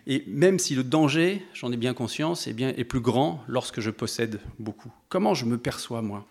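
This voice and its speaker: This preacher speaks to his congregation in an animated, medium-pitched voice with a darkish tone and vocal fry. His sermon is reflective and conversational, broken by pauses and restarts as he talks straight to his listeners.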